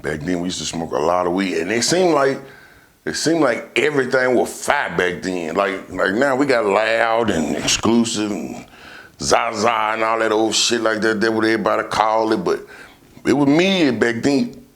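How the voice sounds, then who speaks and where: A man's voice: lowish voice, animated, normal speed, a bit bright. Laid-back stoner man with a drawl. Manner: slangy, heavy casual swearing. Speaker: vlogger. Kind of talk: casual storytelling to camera.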